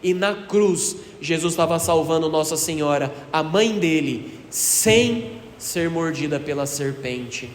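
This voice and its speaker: A man's voice: a little high, takes it slowly, slight background noise. A male priest preaching a sermon in a folksy storytelling way, asking the congregation questions. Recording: echoey hall reverb, faint ambience.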